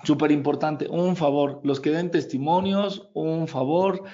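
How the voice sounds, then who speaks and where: A man's voice: fairly high pitch, unhurried, dark tone. Folksy Mexican man coaching sales teams. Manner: folksy and joking, calls the listener compadre. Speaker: network marketing trainer. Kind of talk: motivational coaching talk. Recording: dull lo-fi recording.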